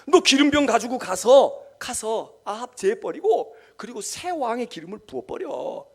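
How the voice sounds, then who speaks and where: A blunt, commanding divine voice, as a male preacher puts it on gives orders to a tired prophet in a sermon. The voice sits high and swings widely, with a gravelly edge. The commands are plain and colloquial. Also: very animated, a little slow, full character voice. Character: God commanding a weary prophet, blunt and forceful.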